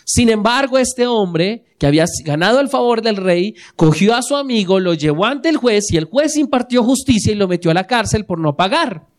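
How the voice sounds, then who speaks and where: A man's voice: high-pitched, lively intonation, normal speed, hardly any pauses. A man preaching a sermon, asking the congregation questions and repeating key phrases for emphasis. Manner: asks the congregation questions and waits for replies. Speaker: pastor.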